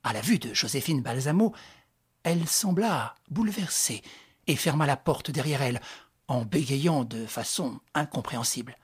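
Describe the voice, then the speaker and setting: A reader narrating a classic novel as an audiobook, in even, measured storytelling. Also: mid-range voice, slightly rough.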